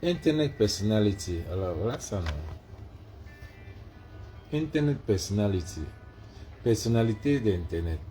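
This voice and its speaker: A man with an African French accent, vlogging casually as he mocks a voice assistant in loud, profane bursts. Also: on the low side, lively intonation, normal speed, long pauses, soft background music. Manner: loud, profane and mocking, switching between English and French. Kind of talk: casual vlog, heckling a voice assistant.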